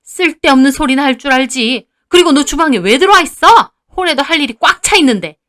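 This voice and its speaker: A woman voicing a spiteful older mother-in-law who scolds and shouts. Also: high voice, animated, fairly quick, pitched above the performer's own voice. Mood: scolding.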